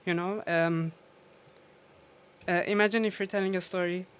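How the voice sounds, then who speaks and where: A woman's voice: fairly low pitch, steady tone, moderate pace, clear, resonant tone. A woman from Iran, a DJ being interviewed, telling stories with many fillers and frequent laughs. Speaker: DJ and guest. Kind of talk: casual interview.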